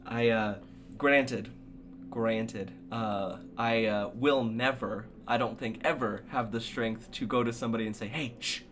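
Young man, podcast co-host, casual chat, animated ranting, frequent laughter. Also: lowish voice, measured pace, a little hiss or hum.

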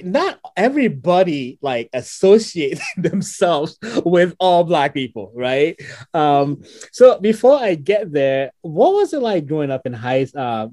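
A Ghanaian-accented man hosts a casual conversation, talking in an animated way and often checking in with his listener. His voice sits a little high, and the dry recording keeps him close. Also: no room sound. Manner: animated, asks questions, frequent "right?". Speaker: podcast host.

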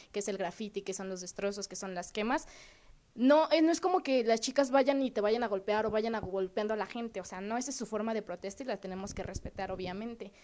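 A woman's voice: mid-range voice, darkish tone. A young woman with a Mexican accent, co-hosting a casual student panel chat and giving encouraging advice with many fillers. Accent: Mexican Spanish. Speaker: student co-host.

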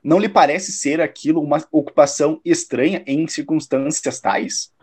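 In a radio drama, this man's detective is sharp and confident, probing analytically with a touch of condescension and measured pacing. His fairly high voice has fairly even intonation, a slight mellowness and a breathy edge.

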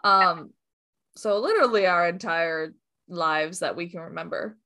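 A woman's voice: lowish voice, a little slow, bright, forceful tone. A woman in her late twenties, a teacher, chatting casually with dry, sarcastic humor. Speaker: teacher, podcast guest. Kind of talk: casual chat.

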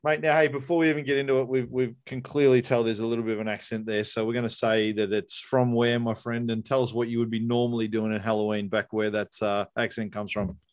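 A man's voice: medium pitch, little pitch movement, fast, hardly any pauses. Chatty Australian man hosting. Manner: chatty, uses 'mate'. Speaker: podcast host. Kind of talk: casual podcast chat.

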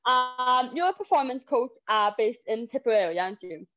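A woman's voice: on the high side, lively intonation, moderate pace, fairly bright tone, highs cut off. A young woman hosting a podcast, effusive and full of fillers. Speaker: podcast host. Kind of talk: podcast interview.

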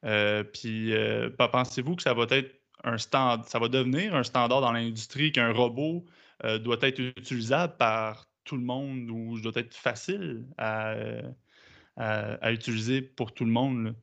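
A man's voice: medium pitch, fairly even intonation, unhurried, gravelly, fairly bright tone, muffled recording. A man with a Québécois French accent hosting a radio round table, an easygoing moderator who hesitates with fillers. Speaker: host.

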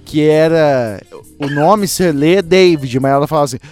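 A man's voice: on the high side, normal speed, darkish tone, faint music behind. A man from Brazil telling travel anecdotes in a casual chat, mimicking accents as he goes. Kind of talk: casual storytelling.

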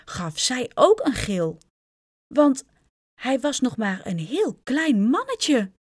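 Woman, storybook read-aloud for children, lively intonation, slow pace, dry close sound. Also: mid-range voice, no room sound. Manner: expressive, addressing children directly.

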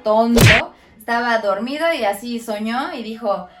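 A young woman with a Mexican accent casually retelling a fairy tale in slangy, animated chat, acting out the characters' lines. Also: a little high, a little slow, reverberant, soft background music. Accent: Mexican Spanish. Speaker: storyteller in a podcast chat.

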